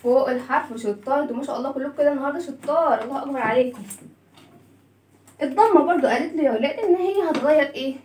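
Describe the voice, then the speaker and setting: A woman's voice: sits high, rapid-fire, darkish tone, recorded from a distance, slight background noise. A woman with an Egyptian Arabic accent teaching children letters, encouraging them and drilling sounds with questions. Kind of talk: kids' reading lesson. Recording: echoey room, away from mic.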